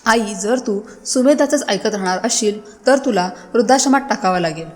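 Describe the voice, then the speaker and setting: A woman voicing a scheming grown son who pressures his old mother. She speaks in her own pitch, and a long hall reverb trails her voice. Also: animated, moderate pace, natural voice. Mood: pressuring. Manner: pressuring, wheedling, flaring into anger. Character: greedy grown man, a pushy scheming son.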